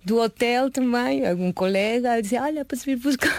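The speaker is a woman in her late thirties from Mexico, Spanish her first language, a pastry chef guest casually telling her life story in an interview. Her voice is a little high, her pace moderate, with no room sound. She chats informally and acts out reported exchanges.

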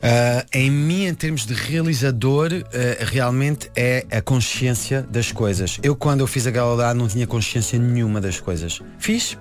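A man's voice: mid-range voice, moderate pace, hardly any pauses, faint music behind. A man born and raised in France, a film director speaking Portuguese as an in an interview, hesitant and full of restarts. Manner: hesitant, many restarts and repeated words. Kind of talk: conversational interview.

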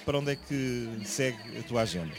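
A man with a European Portuguese accent interviewing a singer in a dressing room, pausing often and restarting his questions. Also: mid-range voice, expressive. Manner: hesitant, many fillers and restarts.

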